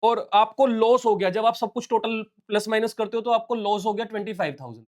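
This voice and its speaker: High-voiced male teacher working sums aloud. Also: a little fast. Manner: explains step by step, calls viewers "beta" and "bachche"; works sums aloud in Hindi mixed with English terms. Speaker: commerce teacher. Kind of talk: solving exam questions on a live stream.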